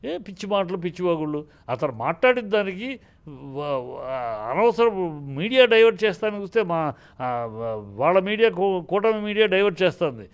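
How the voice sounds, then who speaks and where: Indignant producer man, clear voice. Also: high-pitched, big pitch swings, normal speed, long pauses. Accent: Telugu. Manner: combative, indignant, many broken-off restarts. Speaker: film producer, interviewee. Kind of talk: heated political interview.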